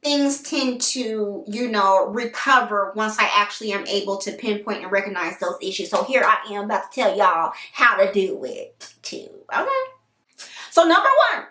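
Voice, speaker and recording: A woman vlogger telling her story to viewers in a chatty, animated way, talking straight to them. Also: mid-range voice, normal speed, far from the mic. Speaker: hair care vlogger. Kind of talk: casual storytelling to camera. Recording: roomy echo, voice set back from the mic.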